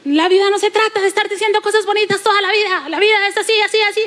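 A woman with a Mexican accent preaching a sermon, repeating phrases and slowing down to stress her points. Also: extremely high pitch, fairly even intonation, a bit bright.

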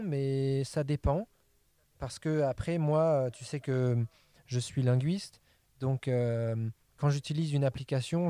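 A man's voice: medium pitch, warm tone, no room sound. A man, a linguist, chatting casually about language apps and videos, with many fillers and repeated words.

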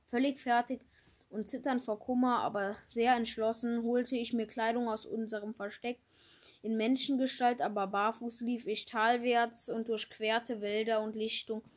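Woman reading a children's novel aloud. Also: a little high. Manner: reads with small slips and restarts, quiet voiced quotes. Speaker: reader of a novel.

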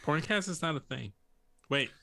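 A man's voice: a little high, animated, moderate pace, gravelly, sharp tone. A man chatting casually as a podcast co-host. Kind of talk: casual banter.

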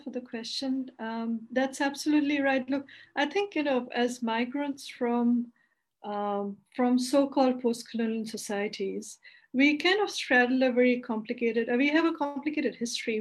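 A woman from India speaking as a panelist, answering thoughtfully and earnestly. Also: a little high. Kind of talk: panel discussion.

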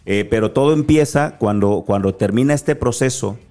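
A man's voice: mid-range voice, moderate pace. A man from Mexico with an Acapulco accent, a motivational speaker telling his story as a guest in an interview, acting out the dialogue as he goes. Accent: Mexican Spanish, from Acapulco. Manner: animated storyteller, acts out dialogue.

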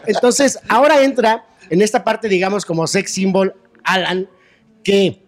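A man hosting a lively interview, quick to agree with and echo his guests. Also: high voice. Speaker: talk show host.

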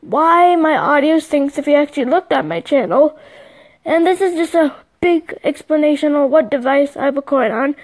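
A woman's voice: high-pitched, darkish tone. A young woman hosting a casual solo podcast, chatting in a rambling way with lots of fillers, recorded on a phone mic. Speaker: podcast host. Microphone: phone microphone.

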